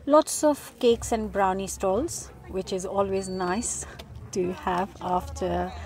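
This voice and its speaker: A middle-aged woman food vlogger narrating casually and unscripted, with frequent ums and pauses. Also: medium pitch, steady tone, a little mellow. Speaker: food vlogger and cookbook author. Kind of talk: casual vlog voice-over narration. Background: music behind the voice.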